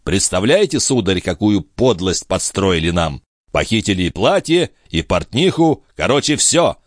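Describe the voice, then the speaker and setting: A man's voice: low voice, very animated, normal speed, no echo, clean studio sound. A man voicing a hot-tempered, blustering nobleman in an audiobook. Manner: brash, emphatic. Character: blustering French viscount, hot-tempered, boastful.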